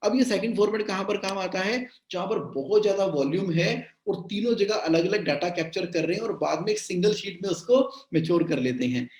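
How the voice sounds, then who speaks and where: A man coaching business owners in a live online session, animated and repeating his phrases, mixing English into his talk. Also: high-pitched, fairly quick, few pauses, echoey room. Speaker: cash flow coach.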